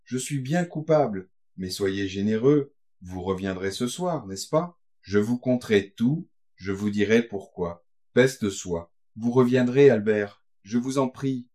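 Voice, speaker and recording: A man's voice: lowish voice, animated, unhurried, warm tone. A man voicing a young kept woman who begs her lover, plaintive and imploring.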